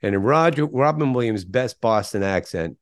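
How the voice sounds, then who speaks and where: A man's voice: lowish voice, expressive, moderate pace, no room sound, studio quality. A middle-aged man, a guest on a podcast interview, speaking emphatically and firing off rhetorical questions. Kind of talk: conversational interview.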